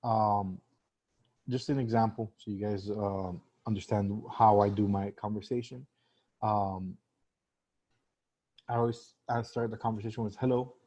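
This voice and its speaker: A man's voice: on the low side, warm tone. A man teaching sales in a casual live-stream talk, conversational with many fillers and restarts. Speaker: sales trainer.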